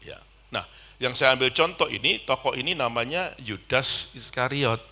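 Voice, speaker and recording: Bright-voiced preaching man. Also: medium pitch, expressive, normal speed. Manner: storytelling, acting out dialogue, rising to emphatic peaks. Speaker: pastor. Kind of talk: sermon. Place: church service.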